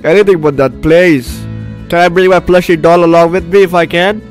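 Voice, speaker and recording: With a high, fairly quick voice and fairly even intonation, a man does let's play commentary while shaking off the flu. He reads game text out loud and reacts dramatically, often repeating himself, over background game music.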